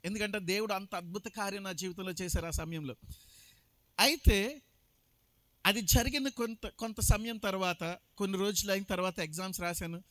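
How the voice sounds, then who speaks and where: A high-pitched man gives a sermon testimony as a pastor. He speaks emphatically and drops English phrases in along the way. The sound is dry, with no room echo. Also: moderate pace, fairly bright tone.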